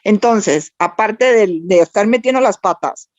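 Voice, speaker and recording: Guatemalan woman, animated storyteller, dry dull podcast sound. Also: mid-range voice, unhurried, dry recording. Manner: animated storytelling with many fillers. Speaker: guest voice actress. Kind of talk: casual podcast interview.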